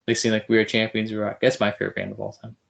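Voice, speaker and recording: A man's voice: fairly low pitch, level tone, racing, creaky, fairly bright tone. A man hosting a podcast interview, joking and enthusiastic in casual chat. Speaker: podcast host.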